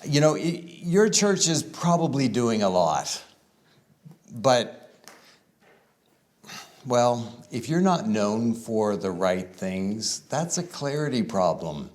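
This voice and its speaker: A man speaking to a room of pastors at a conference, conversational and easygoing, leaning on words and slowing down for emphasis. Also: mid-range voice, sing-song, a little mellow. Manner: conversational, with varied emphasis and deliberate slow stretches. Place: conference room with live audience.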